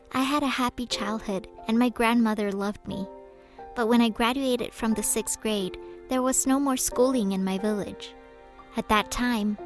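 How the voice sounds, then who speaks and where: Woman, interpreter voice-over in first person, higher voice, steady measured read, soft music underneath. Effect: interpreter voice-over speaking in first person. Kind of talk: translated first-person testimony from a video.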